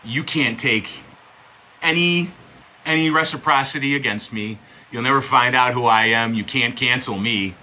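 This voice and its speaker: A man's voice: mid-range voice, normal speed, bright, forceful tone, low-quality recording. A man ranting angrily into the camera, sarcastic, confrontational and full of swearing. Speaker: vlogger. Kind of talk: angry rant to camera.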